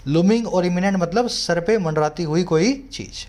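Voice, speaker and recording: High-voiced Indian tutor teaching words. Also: male voice, darkish tone. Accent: Indian English. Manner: explains each word slowly and reads example sentences in a measured way. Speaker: English tutor. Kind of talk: vocabulary lesson.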